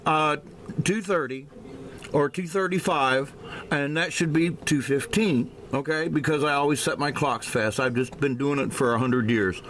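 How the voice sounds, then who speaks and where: A man's voice: a little high, fairly bright tone. A man explaining casually to a camera at home, hesitant and repetitive, his speech a little slurred from a swollen mouth. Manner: hesitant, halting, often repeating himself. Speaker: amateur video blogger. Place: indoors at home by a window. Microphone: handheld camera microphone. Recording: noisy handheld camera recording.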